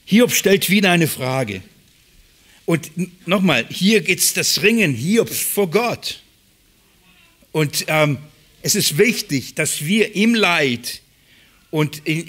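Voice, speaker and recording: A man's voice: a little high, expressive, takes it slowly, fairly bright tone. A man preaching a sermon, earnest and emphatic, often repeating words for stress.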